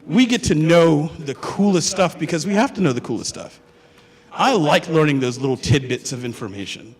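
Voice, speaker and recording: A young man from Hawaii, a student, gives a funny storytelling talk about himself, joking and questioning his listeners in a conversational way. His fairly high voice is expressive with a breathy edge and normal speed, and the hall adds long reverb.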